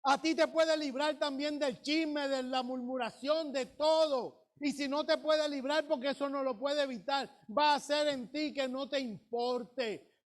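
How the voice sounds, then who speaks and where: A male pastor preaching a sermon, retelling a scripture story and drawing out words for emphasis. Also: very high voice.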